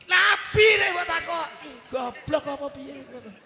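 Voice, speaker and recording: A middle-aged man with a Javanese accent preaching a village sermon, animated and joking, bursting into shouts. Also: very high-pitched, unhurried, creaky, reverberant, big-room sound. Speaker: Islamic preacher. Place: outdoor village gathering.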